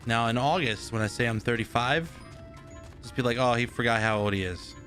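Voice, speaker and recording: A man's voice: mid-range voice, fairly quick, fairly bright tone, soft background music. A man in his thirties streaming gameplay live, rambling and joking casually and swearing freely. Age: 30s.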